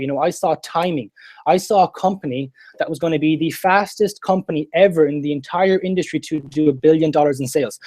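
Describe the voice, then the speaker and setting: Casting: young male pitchman, west of Ireland accent, rapid emphatic delivery, mellow tone, motivational call host. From Galway, Ireland. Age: 20s. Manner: emphatic, repetitive, peppered with "you know" and "okay". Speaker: host of a network marketing launch call.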